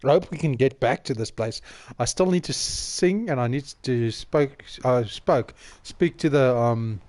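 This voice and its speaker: A man's voice: medium pitch, a little slow, darkish tone, dry recording. A man streaming a video game, chatting casually and thinking aloud with self-mocking remarks.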